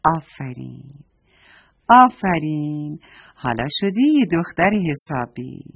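A woman's voice: fairly low pitch, darkish tone, husky. A woman voicing a fussy talking orange bag from a children's story that scolds and complains about being filled with litter. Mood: approving.

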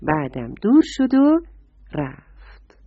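A woman tells a children's bedtime story, tender and warmly addressing young listeners. Her voice is breathy and very lively in pitch. The recording is dry, dull and lo-fi. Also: no echo.

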